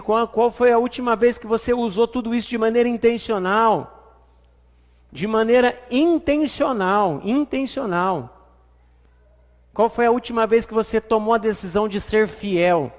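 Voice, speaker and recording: High-voiced Brazilian pastor in a church hall. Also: male voice, fairly even intonation, a little fast. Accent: Brazilian Portuguese. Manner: conversational preaching with playful asides and acted quotes. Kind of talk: sermon.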